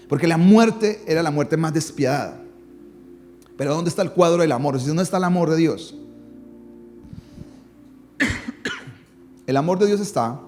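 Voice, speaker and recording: A man's voice: mid-range voice, darkish tone. A man preaching a sermon as pastor, dramatic, with his voice rising and falling for emphasis.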